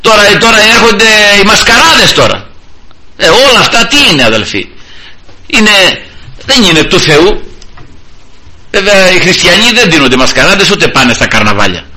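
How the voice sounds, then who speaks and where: A man preaching a sermon in an emphatic style, often rising in pitch and volume, from Greece. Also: very animated, pauses often, bright, forceful tone, a little hiss or hum, poor audio.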